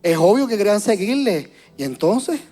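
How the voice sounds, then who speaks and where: A man preaching a sermon to a church congregation, moving between hushed and loud passages and often repeating words as he searches for them. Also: high-pitched, big pitch swings, normal speed. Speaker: pastor.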